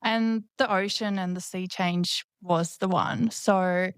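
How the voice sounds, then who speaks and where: A woman's voice: on the low side, fairly even intonation, slow, clean tone, dry recording, studio quality. A woman from the Czech Republic with a Czech accent, chatting eagerly as a podcast guest. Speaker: guest, buyer's agent. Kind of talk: casual podcast chat.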